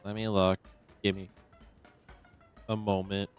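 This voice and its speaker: This young man keeps things relaxed while streaming a game, rambling through casual commentary and talking to himself with many fillers. He sounds low, slow and smooth, over soft background music.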